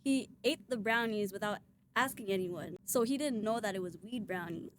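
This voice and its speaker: Woman, mid-pitch voice, casual storyteller who laughs; faint noise. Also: normal speed. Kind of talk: casual chat.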